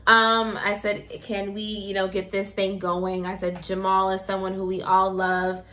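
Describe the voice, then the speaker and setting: A chatty woman co-hosts a casual show and talks in an effusive, animated way. She speaks straight to her viewers and calls them "y'all". Her pitch sits in the middle of the usual range for women. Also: a little slow. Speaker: co-host.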